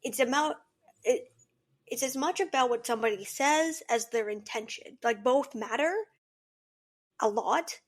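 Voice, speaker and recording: A woman's voice: on the high side, unhurried, long pauses. A woman co-hosting a fan podcast, talking casually in an earnest, thoughtful, rambling way. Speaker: podcast co-host.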